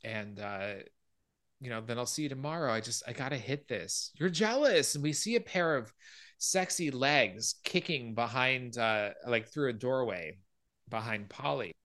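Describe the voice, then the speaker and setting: A man's voice: medium pitch, normal speed, pushed and bright. A man hosting a podcast, casually retelling a film scene by scene and acting out quoted lines. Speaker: podcast host.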